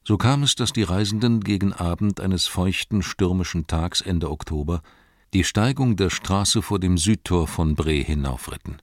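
A man narrating an audiobook in a measured, expressive storytelling manner. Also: low voice, dry recording, studio quality.

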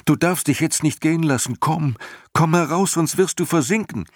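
A man's voice: medium pitch, big pitch swings, unhurried, breathy edge, no echo, clean studio sound, voice pushed up. A man reading a storybook and voicing a brave young boy hero in a raised, urgent, pleading voice.

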